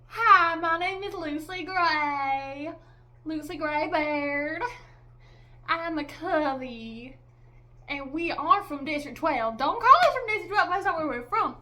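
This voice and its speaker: A woman putting on a haughty young woman's affected drawl, slow and exaggerated. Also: very high-pitched, very animated, sharp tone, pitched above the performer's own voice, full character voice. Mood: mocking. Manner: slow, drawn-out, exaggerated mocking delivery.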